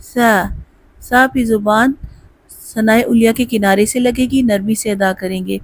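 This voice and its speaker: A woman teaching a Quran pronunciation lesson, explaining where each sound is made and then chanting the syllables slowly and deliberately. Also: fairly high pitch, steady tone, a little hiss or hum, rough recording. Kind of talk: Tajweed lesson, slow drill recitation.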